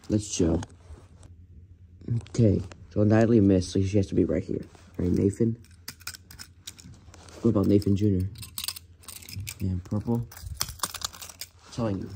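A man's voice: on the low side, fairly even intonation, unhurried, creaky, long pauses, mellow, a little hiss or hum. A man hosting a homemade elimination series at home, calling out names one after another in a casual, rambling way and often correcting himself. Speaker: host of a toy car elimination series. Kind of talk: casual play-by-play narration.

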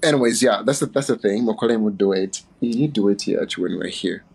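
A man's voice: lowish voice, brisk, vocal fry, a little mellow, husky, rough recording. A man from Uganda hosting a casual, playful livestream chat on his phone, chatting and laughing often. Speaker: livestream host.

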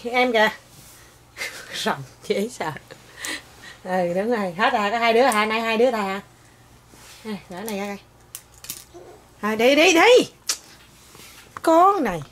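Speaking in a fairly high voice, a young woman records a home vlog, addressing viewers while she coaxes, teases and softly scolds her child.

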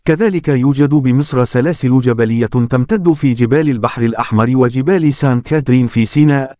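A man giving scripted documentary narration, reading facts and figures in a steady, even way. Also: mid-range voice, no room sound, clean studio sound.

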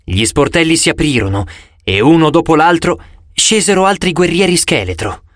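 Male audiobook narrator, expressive, animated pitch, dry close studio sound. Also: moderate pace, no echo. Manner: expressive storytelling. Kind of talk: scripted first-person audiobook narration.

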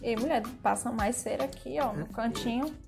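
High-pitched giggly young Brazilian woman. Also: normal speed, vocal fry. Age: young adult. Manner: giggly, exclamatory. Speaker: reaction video host. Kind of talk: casual chatty reaction commentary. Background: background music.

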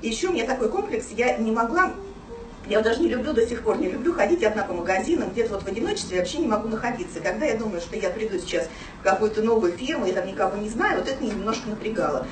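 Woman, thirties, storytelling talk, animated pitch, far from the mic. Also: racing, background noise. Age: 30s. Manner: chatty, storytelling with many fillers. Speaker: speaker at a business meeting. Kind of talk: personal story talk to an audience. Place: small office room. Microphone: far camera, no mic. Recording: roomy, distant camera sound.

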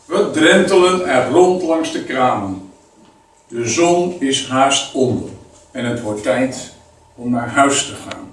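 A man reading a first-person memoir aloud in a deliberate storytelling manner, now and then adding loose spoken asides. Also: mid-range voice, lively intonation. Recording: echoey, distant mic, faint noise.

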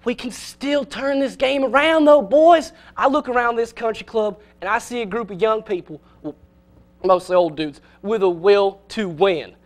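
A rowdy middle-aged coach with a thick Southern accent, put on by a man in a comedy sketch. He booms and hollers in a high, pushed voice, all bluster and folksy swagger. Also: normal speed, close to an everyday voice. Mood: rousing. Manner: shouting pep-talk bluster.

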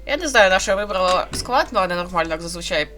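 A woman in her twenties hosts a gaming video, giving casual let's-play commentary and reading game dialogue aloud while rambling hesitantly and often correcting herself. Her voice is on the low side but pushed and bright, expressive, and rapid-fire.

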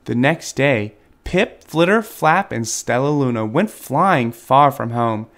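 A man reading a children's picture book aloud in a gentle, expressive storytelling manner. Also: medium pitch, slow pace. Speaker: storybook reader, dad.

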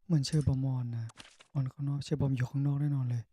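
A man's voice: medium pitch, little pitch movement, racing, mellow, breathy edge. A man streaming a game live, chatting casually and thinking aloud, often trailing off mid-sentence.

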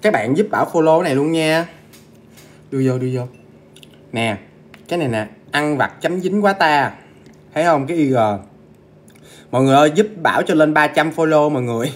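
A man's voice: a little high, a little fast, long pauses. A man hosting a casual ghost-story livestream, chatting to viewers and eating as he talks. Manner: chatty, addresses viewers directly, eats while talking.

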